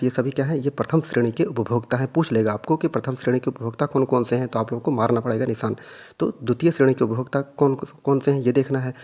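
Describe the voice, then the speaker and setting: The recording cuts off the highs of this man's mellow, mid-range voice as he leads a revision lesson ahead of an exam. He poses questions, answers them himself, and goes over the crucial points many times.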